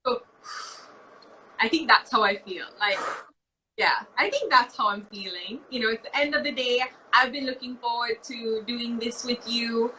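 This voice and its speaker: A woman guest on a live video chat, relaxed and thinking out loud. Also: a little high, moderate pace, a little hiss or hum, rough recording. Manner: relaxed, thinks aloud with fillers. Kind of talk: casual live-stream chat. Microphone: video call.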